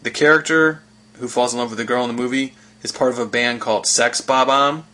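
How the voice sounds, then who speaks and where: Bright-voiced joking male podcast host. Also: mid-range voice, steady tone, a little fast. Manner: enthusiastic, joking and teasing. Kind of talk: casual chat.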